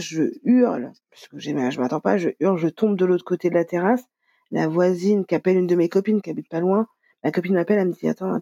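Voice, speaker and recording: A woman's voice: on the low side, gravelly, dark tone, slightly rough, no room sound. A woman telling her own story in a conversational interview, quoting dialogue, with many fillers. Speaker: guest. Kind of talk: personal testimony interview.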